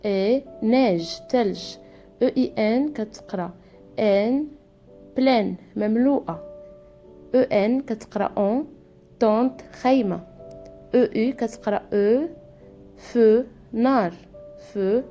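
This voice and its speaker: A woman with a Moroccan Arabic accent giving a patient language lesson, repeating each word slowly. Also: a little high, mellow, highs cut off. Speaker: French teacher.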